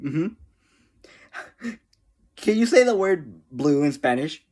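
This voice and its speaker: A slow-speaking online creator with a medium-pitched voice rambles casually to viewers, getting distracted easily. They come across as energetic, giggly and self-deprecating.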